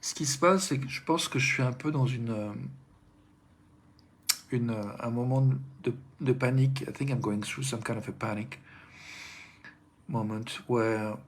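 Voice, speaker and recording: A man with a French accent, talking hesitantly and softly in a reflective live stream, reading chat and repeating his thoughts in two languages. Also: mid-range voice, normal speed. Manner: hesitant, soft-spoken, repeats himself in both languages.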